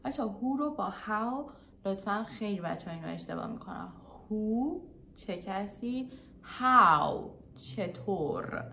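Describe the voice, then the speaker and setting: A woman teaching beginner English, upbeat and full of praise, drilling phrases slowly. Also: mid-range voice, gravelly, reverberant, a little hiss or hum.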